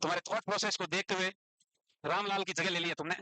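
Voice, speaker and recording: A man with an Indian accent teaching a nursing class online, dictating English definitions slowly and quizzing his students. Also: high voice, steady tone, bright, forceful tone, no room sound, rough recording. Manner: teasing, scolds students playfully.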